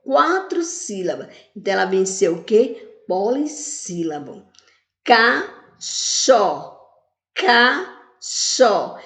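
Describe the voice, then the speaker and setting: Very animated and a little slow, this mid-range-voiced primary school teacher leads a recorded video lesson for kids, posing questions and answering them herself. She draws words out syllable by syllable, and the sound is roomy.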